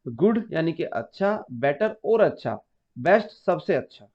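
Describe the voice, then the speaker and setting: A man's voice: fairly high pitch, big pitch swings, unhurried. A man teaching an exam-prep grammar lesson, patiently explaining step by step, repeating key terms and calling students "beta.". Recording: muffled lo-fi recording.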